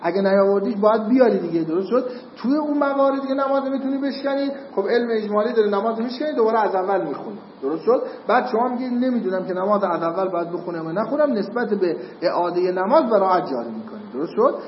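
A man's voice: high-pitched, animated, a little hiss or hum. A man teaching a seminary class on jurisprudence, explaining step by step and often checking that students follow. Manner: explanatory, checks understanding with "got it?". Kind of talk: lecturing on Islamic jurisprudence. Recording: echoey hall, muffled lo-fi sound.

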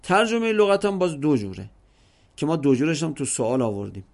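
A middle-aged man teaching an Arabic class, explaining exam question types slowly and repeating each example several ways. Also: on the high side, sing-song, gravelly, darkish tone.

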